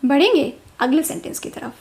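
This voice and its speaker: A woman, an English teacher giving a slow lesson and drilling each phrase by repetition. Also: high-pitched, lively intonation, gravelly, darkish tone.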